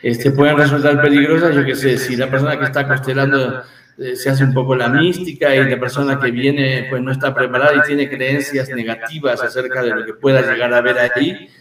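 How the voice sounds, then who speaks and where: A middle-aged man, recounting his path as a therapist in a relaxed, reflective way, pausing often on fillers. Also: medium pitch. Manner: reflective, frequent fillers like "este". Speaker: therapist and guest. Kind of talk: casual storytelling interview. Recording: echoey room, distant from mic.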